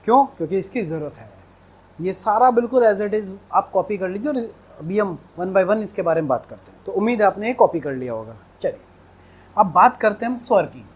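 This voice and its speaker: A man teaching Hindi in a video lecture, speaking directly to viewers and patiently repeating each vowel sound slowly. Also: sits high, animated, breathy edge.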